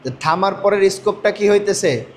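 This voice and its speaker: A man teaches a reading class, his voice sitting high for a man. He drills his learner patiently, asking each question again and again. A faint hum of the room sits under his voice. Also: brisk. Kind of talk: call-and-response reading lesson.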